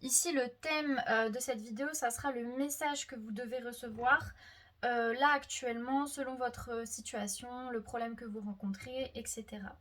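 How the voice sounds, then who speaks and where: A woman giving a casual tarot reading, thinking aloud with many fillers and soft murmurs to herself as she draws cards. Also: on the high side, fairly even intonation, moderate pace. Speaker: tarot reader.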